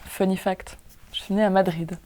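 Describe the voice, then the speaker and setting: A young Spanish-born improv performer answers interview questions outdoors by a lake at a campsite. Her medium-pitched voice is steady and dark in tone, and she sounds hesitant, filling the gaps with lots of fillers and quick asides.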